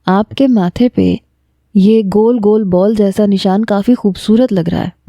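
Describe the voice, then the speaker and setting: A woman's voice: mid-range voice, dark tone, no echo, clean studio sound, natural voice. A woman reading the lines of a playful, teasing young man in a romance storybook. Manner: cheeky, joking.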